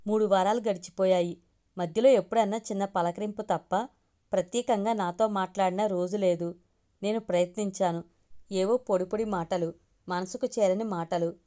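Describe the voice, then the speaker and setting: A woman reading a family story aloud, in a calm, steady first-person narration. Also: mid-range voice, moderate pace.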